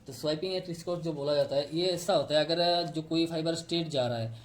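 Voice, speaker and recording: A man's voice: on the high side, quick pace. A man explaining step by step how fiber optic cables are tapped and connected, pointing to a diagram he drew. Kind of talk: technical tutorial.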